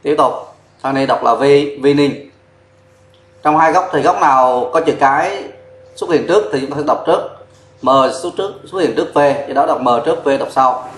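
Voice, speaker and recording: A man with a Vietnamese accent teaches chemistry at a board, going through it step by step and spelling formulas out letter by letter. His voice is on the high side at a moderate pace, and the classroom sound is echoey.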